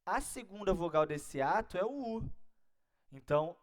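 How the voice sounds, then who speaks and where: Teaching grammar for an exam, a Brazilian Portuguese-accented man explains each step methodically and keeps checking that his students are with him. He speaks in a high-pitched voice with lively intonation and a measured pace.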